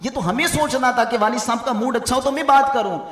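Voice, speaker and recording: A man's voice: very high-pitched, a bit bright. A man giving a religious talk at a gathering, telling a moral story and addressing his listeners as brothers. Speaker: preacher. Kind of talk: religious speech at a mehfil. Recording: echoey hall, from far off.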